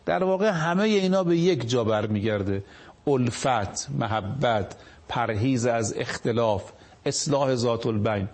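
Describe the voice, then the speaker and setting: A man giving a religious talk in a TV studio. He reads Arabic scripture slowly, paraphrases it, and puts rhetorical questions to the viewers. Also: medium pitch, expressive, a little mellow. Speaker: religious speaker on a TV program.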